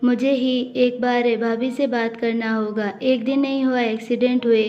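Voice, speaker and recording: A woman's voice: fairly high pitch, level tone, normal speed, a little mellow, close to an everyday voice. A woman voicing a worried, loyal younger brother who speaks in a thoughtful, concerned way. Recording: dull audio with faint music.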